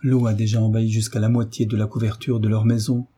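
A man voicing a grave commanding tutor, firm orders, dark husky tone, audiobook. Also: lowish voice, level tone, fast. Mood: urgent. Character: calm, commanding male tutor in his prime.

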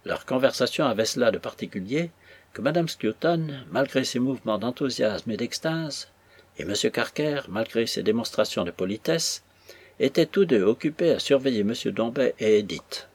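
A man reading a classic novel aloud with measured, expressive narration. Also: medium pitch, husky, dry recording. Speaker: audiobook narrator. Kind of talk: literary audiobook reading.

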